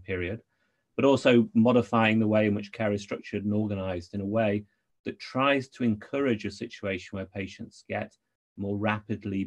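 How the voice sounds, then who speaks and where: A middle-aged man with a slightly low voice. He presents to a conference over a video-call microphone, explaining things in a measured, carefully qualified manner. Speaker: consultant anaesthetist giving a lecture. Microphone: computer microphone on a video call.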